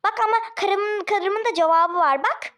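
A woman's voice: extremely high pitch, unhurried, a bit bright. A woman voicing a blustering, defensive husband in a homemade family drama.

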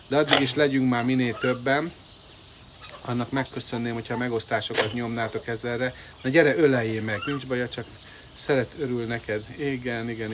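Man livestreaming from a bird park. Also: mid-range voice. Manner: coaxing, pet-talk to his bird while reading out viewer comments. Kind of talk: casual live stream chat. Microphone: phone live stream. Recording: outdoor noise with bird calls. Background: birds and fowl calling.

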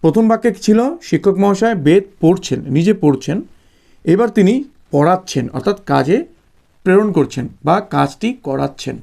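A man from West Bengal teaching a Sanskrit grammar lesson for exams. He explains patiently and repeats points, with many "ah" fillers, and slows down to spell out example sentences. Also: high-pitched, expressive, gravelly, dark tone. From West Bengal, India. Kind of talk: exam-prep grammar lesson.

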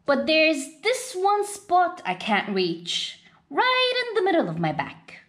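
A woman with a high-pitched voice reads a children's picture book aloud slowly, using an expressive storytelling style.

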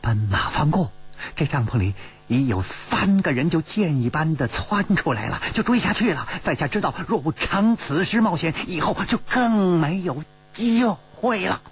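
A man's voice: on the high side, big pitch swings, moderate pace, husky, muffled recording, pitched above the performer's own voice, full character voice. A man voicing an earnest male swordsman who eagerly recounts what he saw, in a storytelling audiobook. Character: earnest male thief-hero reporting his scouting.

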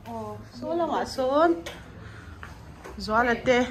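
A young woman chatting excitedly at a wedding party, reacting with quick exclamations. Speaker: vlogger, half of a married couple. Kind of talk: casual chat. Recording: noisy with crowd chatter behind.

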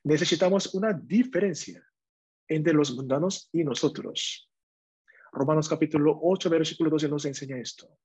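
A man preaching a sermon in a church, reading Bible verses slowly and deliberately. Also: a little high, a little mellow, husky. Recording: dull, lo-fi dry recording.

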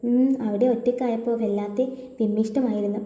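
Doting middle-aged mother-in-law, read by a woman, coaxing manner, mellow dark tone, roomy echo with long reverb. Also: fairly high pitch, steady tone, a little fast, muffled recording, natural voice. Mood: gentle.

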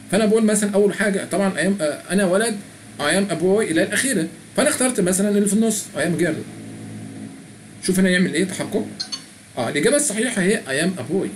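A man's voice: sits high, slight background noise. A middle-aged man with an Egyptian Arabic accent, walking through a language app in a chatty way and reading its prompts aloud. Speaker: tutorial presenter. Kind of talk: screen-recorded app walkthrough.

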